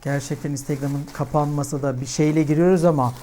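A woman's voice: a little fast, slight background noise. Chatty young woman telling a dramatic story. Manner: animated, dramatic storytelling that climbs in pitch when agitated. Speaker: mukbang vlogger. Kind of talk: casual chat while eating. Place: at home. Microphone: clip-on mic.

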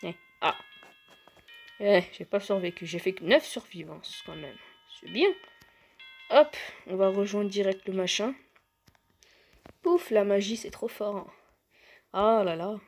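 A playful young woman who makes gaming YouTube videos gives casual gameplay commentary, talking to the characters and bursting into squeals and laughs. Her mid-range voice is husky and a little slow, with frequent pauses.

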